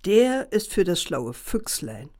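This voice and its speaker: A woman's voice: lowish voice, very animated, takes it slowly, a little mellow, full character voice. A woman voicing a cunning, smug male fox in a children's story, speaking in a wheedling tone with feigned innocence. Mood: sly, scheming.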